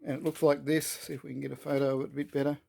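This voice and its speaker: A man's voice: a little high, little pitch movement, very fast, creaky, a little mellow. A man talks casually and chattily to viewers while working in his shed, in a folksy, self-deprecating way. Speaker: host of a workshop video update. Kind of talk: casual workshop vlog, talking while working. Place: workshop shed.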